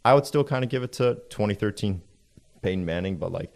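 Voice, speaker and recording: A young man with a very low voice talks football in a loose, casual chat. He rattles off stats and filler words, and his voice now and then cracks. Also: lively intonation, fast talker, creaky, darkish tone. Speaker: co-host.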